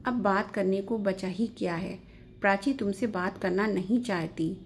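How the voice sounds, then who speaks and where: A woman's voice: medium pitch, measured pace, slight background noise, natural voice. Middle-aged mother, read by a woman; soothing, firm, protective.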